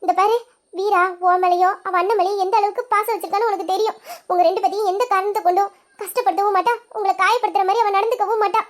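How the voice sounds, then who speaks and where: A woman's voice: extremely high pitch, steady tone, very fast. A woman voicing a caring young woman who comforts a crying friend in an audio drama, speaking in a soothing, coaxing way. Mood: comforting.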